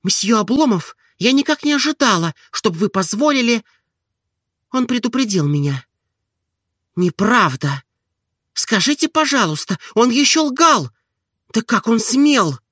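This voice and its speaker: A man reading an audiobook, voicing a proud, touchy young woman who is quick to take offence, in a high, lively voice. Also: no room sound, studio quality, full character voice. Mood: flustered.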